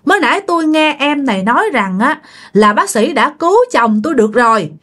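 A woman voicing a grieving young wife who pleads in a high, desperate, wailing voice. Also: animated, quick pace. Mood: wailing grief.

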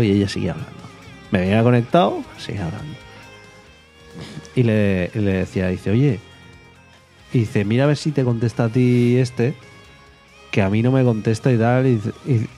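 Man telling a story, animated. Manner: animated, laughing, shrill acted quotes. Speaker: podcast co-host. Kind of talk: casual storytelling chat. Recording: faint guitar music behind.

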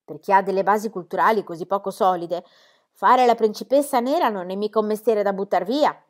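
A woman's voice: medium pitch, fairly quick, natural voice. Woman reading as a gleeful, boastful little girl. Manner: loud, gleeful and teasing. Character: exuberant carefree young girl, boastful and playful.

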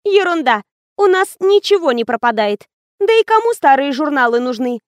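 A woman's voice: very high voice, huge pitch swings, moderate pace, fairly bright tone, dry recording, clean studio sound, pitched above the performer's own voice, full character voice. A woman voicing a rude, brusque young receptionist who talks curtly and impudently. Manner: curt, impudent.

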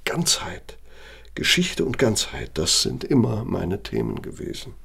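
In a German radio play, an actor with a low-ish, gravelly, husky male voice portrays an older, self-justifying architect. His heavily acted delivery is measured and lecturing, sing-song and fairly bright in tone, with a self-important mood.

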